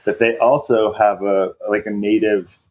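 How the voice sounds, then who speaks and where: A man's voice: fairly low pitch, little pitch movement, a little slow, darkish tone, lo-fi sound. A man on a casual podcast explaining technical ideas while thinking aloud. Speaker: crypto podcast co-host. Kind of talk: casual chat.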